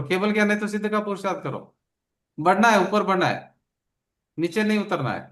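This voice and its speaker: A man's voice: high voice, fairly bright tone. A man leading a study session as a religious teacher, explaining a text with emphatic, repeated phrases.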